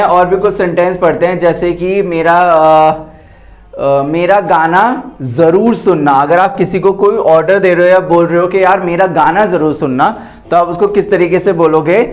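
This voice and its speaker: Slow-explaining Indian English teacher, fairly high voice. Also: male voice. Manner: explains slowly with fillers, repeats example sentences word by word. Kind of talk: casual spoken lesson mixing Hindi and English. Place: home. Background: household noise.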